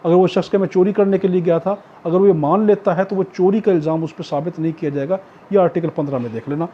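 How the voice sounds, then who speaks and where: A fast-talking man with a high-pitched voice and a Pakistani accent lectures on law, reading out provisions, paraphrasing them and repeating his points didactically. The recording is dull, muffled and lo-fi, with a little hiss or hum.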